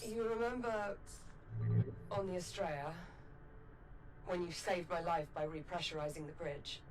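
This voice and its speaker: A woman playing a steady, resolute space captain in a video game, direct, firm and caring. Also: fairly low pitch, measured pace, noisy background, close to an everyday voice. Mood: grave, firm.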